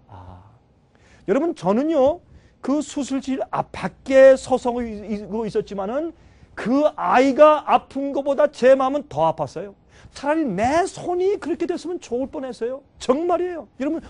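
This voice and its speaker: A middle-aged man preaching a sermon, who tells a story with feeling, shifts between loud exclamations and quiet low asides, and speaks straight to his listeners. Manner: emotional storytelling, addresses listeners directly. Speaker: pastor. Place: church seminar hall.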